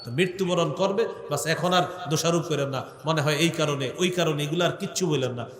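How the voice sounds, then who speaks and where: A man preaching a sermon, chanting scripture slowly and explaining it in plain conversational speech full of rhetorical questions. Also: on the high side. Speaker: Islamic preacher. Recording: echoey hall with long reverb.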